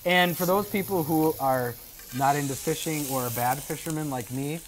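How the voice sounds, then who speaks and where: A man's voice: on the high side, moderate pace, slight background noise, low-quality recording. A man hosting a morning TV cooking segment, bantering with his co-host and the guest. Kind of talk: chatty TV banter. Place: TV studio kitchen set.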